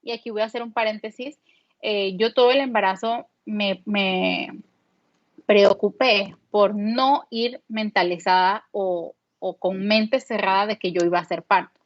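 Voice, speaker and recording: A woman's voice: mid-range voice, fairly even intonation, measured pace, no echo. A young woman from Panama with a Panamanian Spanish accent, a podcast guest candidly retelling a personal story with many fillers. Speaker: guest mother. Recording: dull, dry lo-fi audio.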